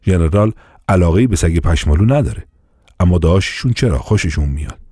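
A man's voice: low-pitched, expressive, dark tone, dry recording, clean studio sound. A man voicing a plain-spoken old cook in an audiobook, matter-of-fact.

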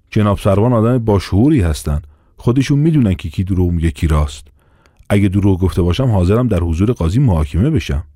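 A man's voice: lowish voice, warm tone, no room sound, clean studio sound. A man doing a whining aggrieved craftsman. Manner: complaining, pleading. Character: aggrieved male craftsman with a bitten finger.

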